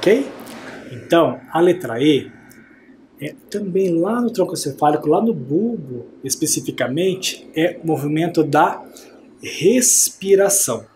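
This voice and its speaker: A man teaching an adult science class, speaking patiently and clearly and often checking whether his students follow. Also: a little high, expressive, unhurried, a little mellow, faint music behind. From Brazil. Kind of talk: recorded class for adult learners.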